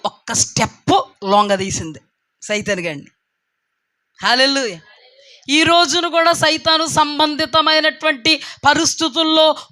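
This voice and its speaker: A woman preaching a sermon, emphatic, swinging between loud exclaims and quiet asides. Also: high voice.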